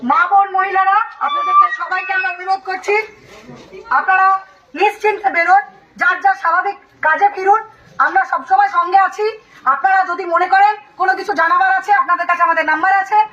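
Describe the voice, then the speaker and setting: A woman's voice: very high-pitched, steady tone, brisk, sharp tone. Woman pleading through a dull megaphone. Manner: pleading, reassuring announcing. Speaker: police announcer. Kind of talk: public announcement.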